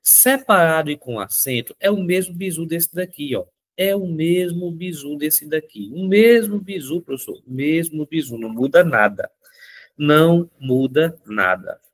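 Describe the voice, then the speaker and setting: A man teaching a grammar lesson in a lively, coaxing way that repeats each point. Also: a little high, unhurried. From Northeast Brazil. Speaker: Portuguese teacher.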